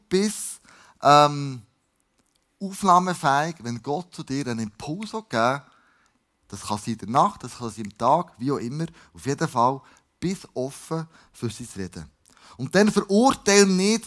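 A man with a Swiss German accent, middle-aged, preaches in a loose, chatty way. His voice sits somewhat high for a man, and he stresses points by repeating words. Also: lively intonation, measured pace, a bit bright. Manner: conversational, with asides and restarts, stressing words by repeating them. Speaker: pastor. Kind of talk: sermon retelling a Bible story.

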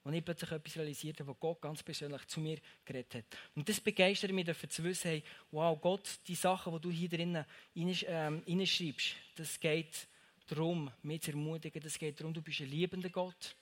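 A man's voice: on the high side, fairly even intonation, a little fast, fairly bright tone. Man giving casual devotional talk. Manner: addresses the listener directly, repeats phrases. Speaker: devotional speaker.

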